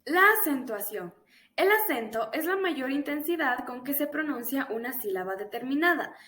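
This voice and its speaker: A young woman, a student reading out grammar rules in a steady, explanatory way for a class presentation. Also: high voice, normal speed. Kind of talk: read-aloud class presentation.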